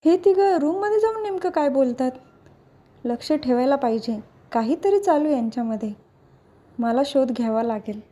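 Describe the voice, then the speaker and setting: A woman's voice: high voice, lively intonation, moderate pace, dark tone. A woman voicing a suspicious, scheming older aunt in a serial recap, with a prying, insistent manner.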